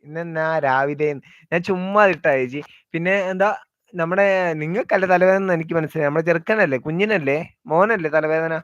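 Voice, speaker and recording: A man's voice: a little high, fairly quick, a bit bright. A chatty man with a slightly raised voice hosts a casual live stream and greets viewers by name as he reads their comments. His voice sounds dry and a little dull, with no room echo.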